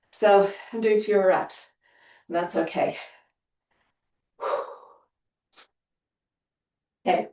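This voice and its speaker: A woman's voice: fairly low pitch, darkish tone, recorded from a distance. A woman leading a strength workout, counting reps aloud and reassuring people to go at their own pace, often sighing between sets. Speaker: fitness instructor. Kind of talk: live workout coaching. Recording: roomy sound from away from the mic.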